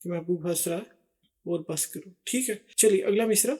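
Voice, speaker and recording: A man hosting a casual chat, asking questions and summing up each answer. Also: sits high. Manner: asks questions, repeats and sums up each answer. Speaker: host. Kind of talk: casual chat, explaining song lyrics.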